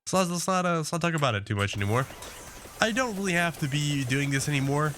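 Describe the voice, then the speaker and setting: Commenting on his own gameplay, this video host talks quickly in a slightly high, expressive voice. His casual commentary wanders, full of fillers and false starts, and he sounds slightly congested.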